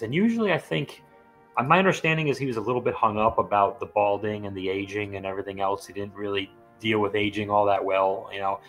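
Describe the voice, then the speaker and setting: A man's voice: on the low side, fairly bright tone, poor audio. Enthusiastic man breaking down wrestling clips. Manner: enthusiastic, appreciative. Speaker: wrestling show co-host. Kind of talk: casual analytical chat.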